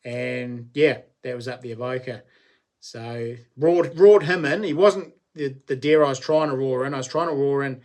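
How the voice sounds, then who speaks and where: Mid-range and a little mellow, this late-40s man's voice moves at a moderate pace as he hosts a casual livestream. He reads and answers comments with a broad Kiwi accent, keeping things blokey, slangy and easygoing.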